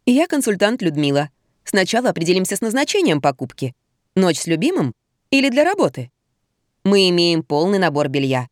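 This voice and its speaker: A woman voicing a patronizing young female shop consultant in an audiobook, using brisk sales patter. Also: fairly low pitch, big pitch swings, no room sound, studio quality.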